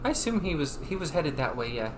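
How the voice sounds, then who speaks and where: Chatty, laughing game master. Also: male voice, fairly high pitch, big pitch swings, a crowd in the background. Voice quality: chatty and laughing, jumps between rules talk and quick voiced asides. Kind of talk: running a tabletop game. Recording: noisy home recording.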